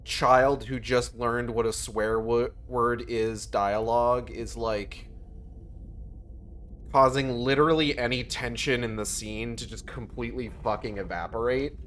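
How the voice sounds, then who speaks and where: A man commentates on a game in a sardonic, sweary way. His pitch is average and his delivery is slow, with faint noise in the background. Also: steady tone, fairly bright tone. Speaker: game streamer. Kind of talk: sarcastic running commentary on a game.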